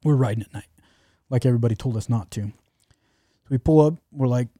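A man tells a long adventure story in a relaxed, rambling way, full of fillers and restarts. His voice is very dark and mellow at an everyday pitch. The sound is dry and close, with no room echo. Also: a little fast. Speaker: guest telling a travel story. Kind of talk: casual storytelling.

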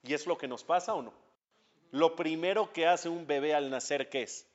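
Man, rabbi giving a lesson, higher voice, dull lo-fi sound. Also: normal speed. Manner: animated storyteller acting out dialogue, asks the audience questions. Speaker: rabbi teaching a class. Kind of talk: religious lesson. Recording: dull lo-fi recording.

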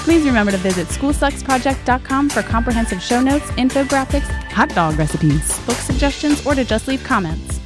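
A woman's voice: high-pitched, fairly quick, few pauses. A woman reading a scripted promotional podcast intro as a voiceover announcer. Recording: prominent music under the voice. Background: intro music.

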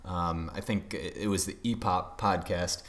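A man's voice: deep voice, fairly even intonation, a little slow, fairly bright tone. A young man from the US Midwest co-hosting a casual podcast at home, jokey and easily amused. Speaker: podcast co-host. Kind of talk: casual chat.

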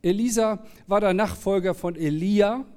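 A man's voice: high voice, normal speed, mellow. A man preaching a conversational sermon, explaining plainly with everyday stories. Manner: casual, anecdotal, explains plainly with everyday examples.

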